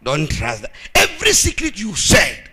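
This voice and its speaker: A male preacher giving a sermon in short phrases, pausing for an interpreter and asking the congregation to finish his sentences. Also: sits high, huge pitch swings, pushed and bright, breathy edge.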